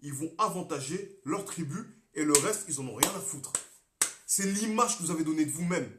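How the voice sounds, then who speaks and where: Impassioned high-voiced Congolese man, echoey. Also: animated, normal speed, noisy background. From Congo (DRC). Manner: impassioned, repeats himself, swings between loud and quiet. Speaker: political activist streamer. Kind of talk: monologue on a Facebook live stream.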